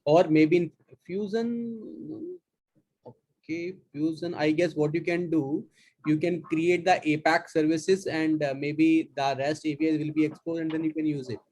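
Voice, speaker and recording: Male instructor on a video call, slightly high voice, calm step-by-step explaining. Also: unhurried. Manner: explains step by step, relaxed, with fillers. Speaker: course instructor. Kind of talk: live online class walkthrough.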